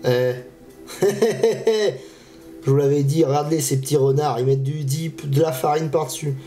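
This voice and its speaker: A man's voice: fairly high pitch, unhurried, dark tone. A man hosting a fishing channel, giving casual, slangy reaction commentary and laughing often. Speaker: YouTube fishing channel host. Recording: music from the reacted video behind.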